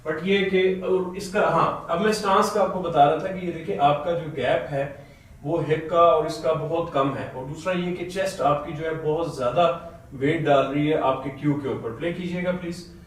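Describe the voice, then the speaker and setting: A man from Pakistan, a snooker coach with a sore throat, patiently going through a student's video and telling a helper when to play and pause it. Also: fairly high pitch, steady tone. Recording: very echoey room, mic at a distance.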